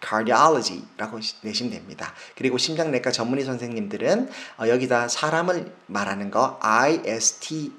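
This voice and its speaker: A man, a doctor, explaining medical specialties in a casual lesson, slowing down to spell and stress English terms, with frequent fillers and self-corrections. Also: medium pitch, lively intonation, fairly bright tone.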